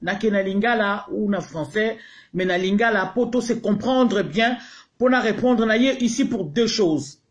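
A man's voice: high-pitched, moderate pace. A Congolese man hosting a casual live stream, greeting viewers one by one in a heated, repetitive way. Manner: mixes French and Lingala, heated. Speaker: livestream host.

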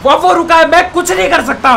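A young man commentating his own gameplay, exasperated and pleading, often yelling at other players. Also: extremely high pitch, fairly quick, creaky, a little hiss or hum. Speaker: gaming YouTuber.

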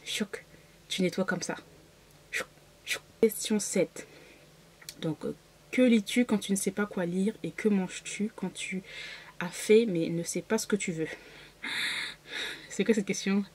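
A woman's voice: mid-range voice, a little slow, long pauses, dark tone, slightly rough. A woman, chatting in a bubbly way as a booktuber, with lots of fillers and laughs. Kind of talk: casual chatty vlog.

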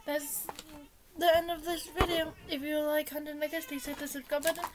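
A woman hosts a text-message story video in casual speech. Her voice sits high and stays fairly even in pitch. She talks plainly and directly to her viewers. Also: brisk, heavy background noise. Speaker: storytelling channel host.

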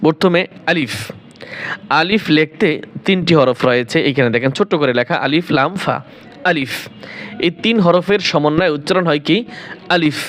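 A man's voice: a little high, fairly quick, fairly bright tone. A man teaching Quran reading, taking the viewer through the Arabic letters one by one, asking questions and answering them himself. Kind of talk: Arabic alphabet pronunciation lesson.

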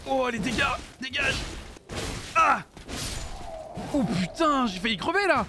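A man streaming a video game, reacting loudly and cracking jokes as he plays. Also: very high voice, a little slow, noisy background. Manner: excitable, loud outbursts and jokey asides. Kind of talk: live gaming commentary. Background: game music.

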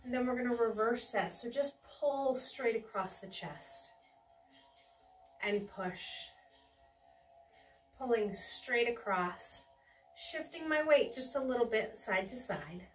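Slow, serene woman giving tai chi cues. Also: fairly high pitch, expressive. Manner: serene, encouraging, unhurried cueing. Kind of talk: guided movement lesson with calm step-by-step cues. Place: small carpeted room indoors. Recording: distant mic in a room, faint music. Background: faint music.

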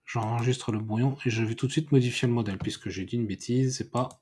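A man giving a screen-recorded software tutorial, thinking aloud and correcting himself as he clicks through menus. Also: medium pitch, fairly even intonation, husky. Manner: unhurried, thinking aloud with many fillers and self-corrections. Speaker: WordPress tutorial instructor.

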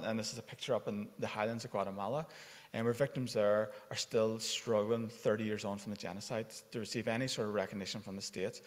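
Male organiser, informal and filler-heavy, low-pitched, lectern mic in a big echoey room. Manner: informal, chatty, with many fillers. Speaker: conference organiser and academic. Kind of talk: conference welcome talk. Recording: long hall reverb.

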